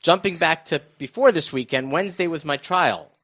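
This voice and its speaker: A middle-aged American man with a slightly high, somewhat bright voice tells his own news as a radio show panelist. He tells it casually and haltingly, restarting repeatedly. The lo-fi recording sounds dull and muffled.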